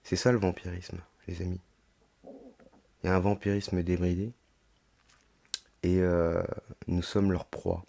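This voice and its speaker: A man's voice: low-pitched, level tone, slow, gravelly, long pauses, warm tone. A man hosting a solo podcast, reading aloud and commenting with rhetorical asides, his throat sounding sore and swollen, as with tonsillitis. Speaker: podcast host. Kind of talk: monologue reading a text aloud with running commentary.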